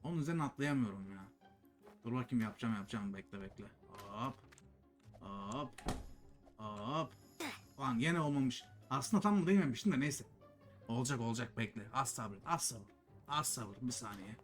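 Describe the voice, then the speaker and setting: Exasperated young man yelling at a game. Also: expressive, moderate pace, long pauses, soft background music. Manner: frustrated, talks to himself and the game, bursts into high exasperated yells. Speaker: gaming YouTuber. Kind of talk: Roblox let's play commentary.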